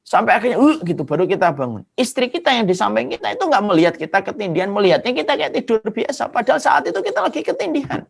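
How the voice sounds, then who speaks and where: A man's voice: fast, gravelly, hardly any pauses, breathy edge. A man preaching an Islamic sermon, vivid and dramatic, punctuating points with sound words. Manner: animated, swooping pitch with dramatic sound words.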